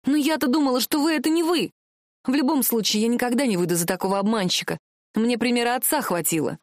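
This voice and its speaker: A woman's voice: a little high, fast, dry recording, studio quality, close to an everyday voice. A woman voicing a proud young royal heiress who is sarcastic and indignant, for an audiobook. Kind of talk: audiobook character voice.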